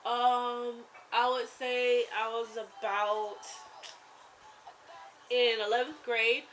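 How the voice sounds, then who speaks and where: Young woman, YouTuber, casual storytelling, lots of "like", bright tone, slightly high voice. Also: very slow, faint music behind, rough recording. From rural US South. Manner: rambling, animated storytelling with many fillers.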